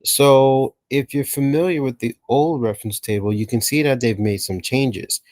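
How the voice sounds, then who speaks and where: A man's voice: mid-range voice, moderate pace, darkish tone, dry recording. A man explaining a science reference table as a teacher, talking casually and often checking in with "okay" and "right". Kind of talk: explainer lesson narration.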